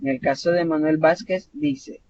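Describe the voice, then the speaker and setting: A man's voice: on the high side, big pitch swings, normal speed, vocal fry, darkish tone, no room sound. A Salvadoran man tutoring an online class, explaining patiently with many fillers and self-corrections. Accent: Salvadoran Spanish. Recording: dull lo-fi online class audio with faint noise.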